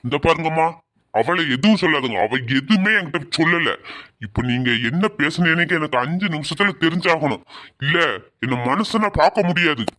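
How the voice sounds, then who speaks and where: A man's voice: on the high side, animated, moderate pace, bright, forceful tone. A man playing an angry young adult son who accuses his mother in a family drama skit. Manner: accusing, indignant.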